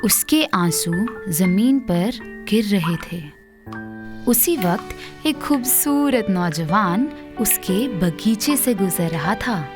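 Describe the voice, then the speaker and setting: A woman narrating a children's storybook tale in a gentle, unhurried storytelling manner. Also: mid-range voice, animated, music in the background. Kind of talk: scripted narration.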